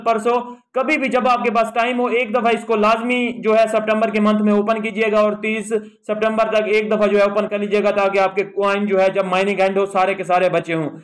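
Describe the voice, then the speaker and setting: A man's voice that sits high narrates a YouTube tutorial, steadily explaining an app step by step over the screen. Almost every phrase he says carries the same habitual filler.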